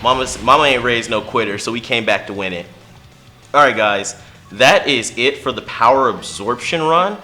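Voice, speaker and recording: A man's voice: mid-range voice, animated, normal speed, soft background music. A man casually commenting on his own mobile game run, talking to himself and his viewers as he plays. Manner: chatty, mutters to himself, bursts loud at big hits. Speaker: gaming channel host.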